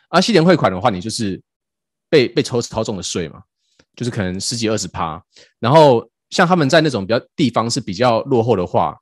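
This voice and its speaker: Casual podcast host, man, lively storyteller, dry close sound. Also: medium pitch, no echo. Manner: animated, laughing, acts out quotes.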